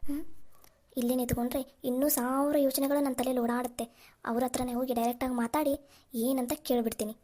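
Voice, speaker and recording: Cartoon young office woman, high-pitched, anxious and pleading, woman voicing. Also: level tone, fairly quick, warm tone. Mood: worried. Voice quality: pleading, fretful. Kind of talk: cartoon voice acting.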